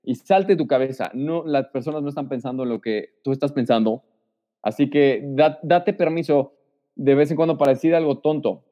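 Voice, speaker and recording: A man's voice: mid-range voice, normal speed. A man speaking as an interview guest, giving social advice and acting out example lines. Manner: animated, acts out example lines. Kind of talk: casual interview talk. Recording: dull sound with long reverb.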